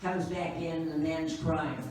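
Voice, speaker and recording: A woman's voice: low voice, flat delivery, slow pace, darkish tone. A woman in her nineties doing live stand-up, telling jokes unhurriedly with dry punchlines. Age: 90s. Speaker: stand-up comedian. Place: cigar bar, live audience. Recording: echoey, distant, noisy live room.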